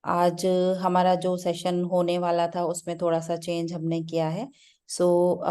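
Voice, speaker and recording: A woman's voice: on the low side, warm tone. A woman speaking as a meditation teacher in a spiritual talk, searching for her words with many restarts and mixing in English terms. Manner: loose, searching, with frequent restarts and fillers.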